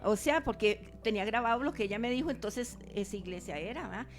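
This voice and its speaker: A woman's voice: a little high, animated, quick pace, faint music behind. Earnest woman giving a radio testimony. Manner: earnest, emphatic retelling with restarts.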